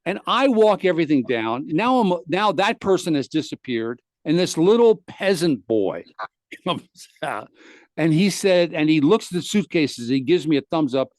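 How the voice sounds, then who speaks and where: At a moderate pace and with a slightly high voice, a man hosting a podcast tells an extended humorous story, animatedly acting out the others' lines. The studio recording has no room sound.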